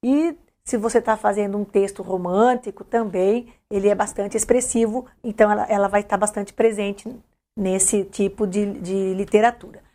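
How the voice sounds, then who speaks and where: A woman's voice: mid-range voice, fairly even intonation, normal speed, mellow. A woman, teaching a literature lesson for exam prep. She explains step by step and keeps asking the students rhetorical questions.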